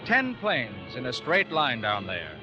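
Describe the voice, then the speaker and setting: A grim, declamatory narrator in a grave 1940s radio war drama. His pitch moves dramatically over prominent music. The old broadcast sounds muffled. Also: wildly swooping pitch, slow. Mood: ominous. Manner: declamatory, ominous. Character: grim wartime narrator intoning a dramatic warning. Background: loud dramatic music.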